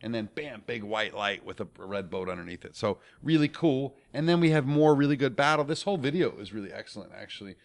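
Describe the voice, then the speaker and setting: A man co-hosting a casual chat, playful and animated, putting questions to his co-host. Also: mid-range voice, fast talker, creaky, few pauses.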